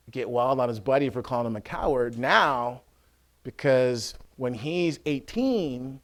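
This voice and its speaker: Male priest, mid pitch, conversational teaching talk, keeps asking if you follow, bursts into acted-out shouting. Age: adult with a school-age son. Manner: checks in with listeners, acts out scenes loudly. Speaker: Orthodox priest giving a talk.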